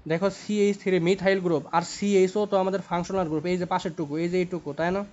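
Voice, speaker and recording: Racing through a whiteboard chemistry lecture, a young tutor speaks in a high, steady voice with a darkish tone. He repeats points and checks in using tag questions, and the lo-fi recording sounds dull.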